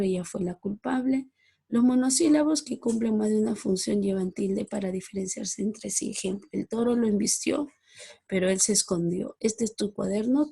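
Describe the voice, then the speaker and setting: Husky, gravelly-voiced woman teaching grammar. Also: mid-range voice, dark tone. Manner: reads examples aloud in a measured, explanatory way. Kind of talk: recorded slide-presentation lesson.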